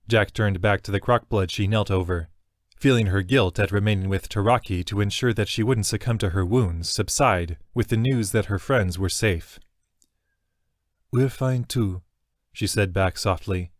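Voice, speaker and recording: A man giving steady, measured narration of a fantasy audiobook into a close studio mic. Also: on the low side, dry recording.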